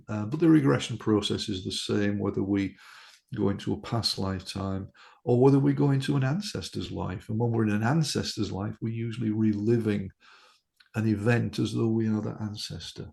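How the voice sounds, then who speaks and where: A man's voice: fairly low pitch, normal speed, gravelly, a little mellow. A man, a hypnotherapist, telling a case story on a podcast in an anecdotal way, with frequent ums and restarts.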